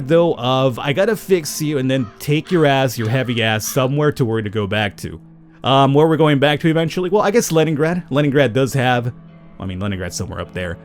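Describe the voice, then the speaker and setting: A man hosts a casual gameplay session, narrating his moves and bantering with himself and the items he picks up. His pitch swings widely from line to line, and faint guitar music plays quietly underneath. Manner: animated, talks to himself and to game items. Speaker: gaming channel host.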